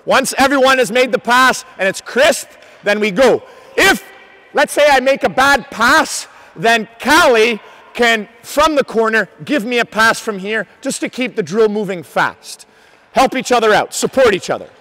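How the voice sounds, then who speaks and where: A man's voice: extremely high pitch, animated, measured pace, bright, forceful tone. A man coaching hockey on the ice, calling out drills with urgent, repeated, encouraging commands in a noisy indoor rink. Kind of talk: shouted drills and instructions on the ice.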